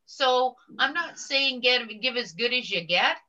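A woman's voice: a little high, expressive, unhurried, sharp tone. Emphatic woman on dull lo-fi remote audio. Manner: emphatic, pointed rhetorical questions. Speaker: guest commentator. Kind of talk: casual political chat.

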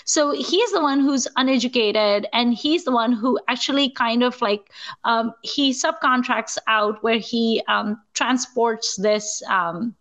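High-voiced woman, animated storyteller. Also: measured pace, lo-fi sound. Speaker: podcast co-host. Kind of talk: casual chat.

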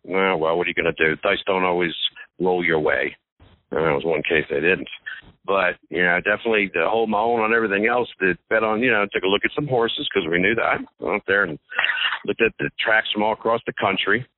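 A man's voice: low voice, fairly quick. A man calling in to a casual podcast chat as a regular co-host, talking in a rambling, joking way and stammering now and then. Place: Las Vegas hotel. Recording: tinny phone line, dry.

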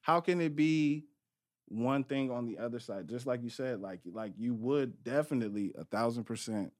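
A man's voice: mid-range voice, normal speed, no echo, clean studio sound. A man co-hosting a casual podcast chat, talking animatedly and repeating phrases for emphasis between laughs. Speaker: podcast co-host.

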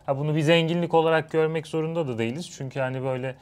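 A young man co-hosts a casual live stream with a slightly raised pitch. He is wry and teasing. He keeps picking at how words are used and pronounced. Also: steady tone, racing, darkish tone, clear, resonant tone. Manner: wry, teasing, corrects word usage. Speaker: co-host.

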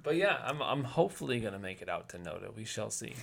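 A laid-back man co-hosting a casual sports chat, with a voice a little lower than most. He hesitates often with drawn-out ums and slips in dry jokes. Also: sing-song, vocal fry, crowd noise. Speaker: podcast co-host.

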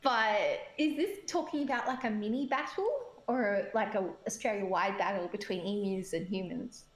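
A woman co-hosting a podcast in casual chat, excitable and quick to giggle. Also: medium pitch. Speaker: podcast co-host. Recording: echoey room.

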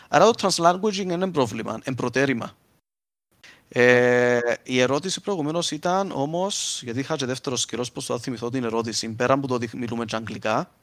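A man's voice: medium pitch, a bit bright, no echo. Man with a Cypriot Greek accent, dry sound. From Cyprus. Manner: speaks in Cypriot dialect, switching to standard terms. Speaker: linguist speaker. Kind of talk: informal explanatory talk with examples.

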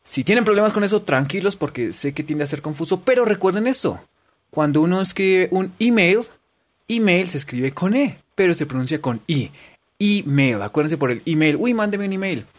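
Lively-voiced woman, playful and chatty, teaching English to beginners. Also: on the low side, normal speed. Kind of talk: casual online lesson.

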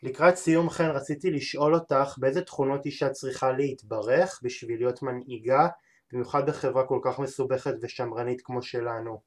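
A man interviews his guest at an ordinary middle pitch. He talks haltingly and thinks aloud, stringing his thoughts together with frequent fillers and restarts. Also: fairly even intonation. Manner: hesitant, many filler sounds and restarts. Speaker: podcast host. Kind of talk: interview conversation.

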